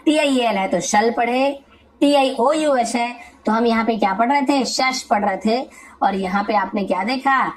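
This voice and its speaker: A woman teaching English pronunciation in a classroom-style lesson, slowly repeating sounds and spellings. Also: on the high side, poor audio. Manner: slow, repetitive drilling of sounds and spellings.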